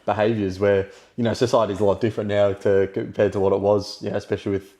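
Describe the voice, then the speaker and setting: A man co-hosting a podcast, agreeable and halting, often searching for his words. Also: fairly low pitch, flat delivery, a little mellow. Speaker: podcast co-host. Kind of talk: casual podcast chat.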